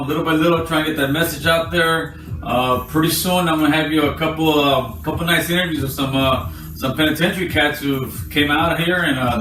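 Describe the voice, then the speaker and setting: A man's voice: on the high side, a bit bright. A man, from the Los Angeles area, giving a blunt, preachy vlog talk to his viewers. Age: 40s. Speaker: YouTuber. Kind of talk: direct-to-camera vlog. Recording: roomy, distant clip with faint music.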